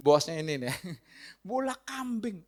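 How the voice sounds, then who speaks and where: Animated male preacher telling a story. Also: high voice. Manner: animated storyteller who acts out quoted dialogue in a raised voice; addresses the congregation with asides and questions. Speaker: pastor. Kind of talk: sermon with a personal anecdote.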